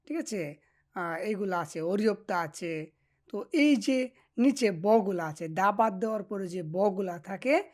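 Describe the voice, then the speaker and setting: Woman, language teacher, slow pace, patient, repeats forms, checks understanding. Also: mid-range voice, a little mellow. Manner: patient, repeats each form slowly and checks understanding often. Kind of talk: classroom grammar lesson.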